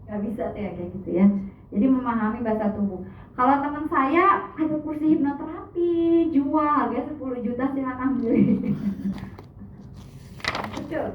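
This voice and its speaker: Woman teaching a class, chatty and lively, kinda high voice, far away in an echoey room, tinny phone-ish sound. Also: fairly quick, slight background noise. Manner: chatty, animated, acts out soothing patient instructions. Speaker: hypnotherapy trainer. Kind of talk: casual classroom lecture.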